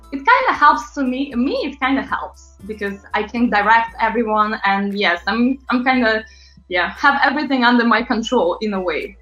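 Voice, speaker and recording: A woman from Latvia, a pop singer guest, chatting in a lively, animated way in an interview. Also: high voice. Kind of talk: casual interview talk. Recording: roomy, slightly muffled sound with faint music.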